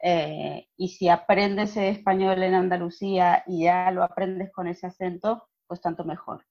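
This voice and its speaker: A woman's voice: on the low side, steady tone, unhurried, a little mellow. Chatty Argentine woman, lo-fi audio. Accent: Argentine (Buenos Aires). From Buenos Aires, Argentina. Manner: chatty, explains at length with many fillers. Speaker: guest, Spanish teacher. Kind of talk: casual interview chat. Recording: dull lo-fi audio.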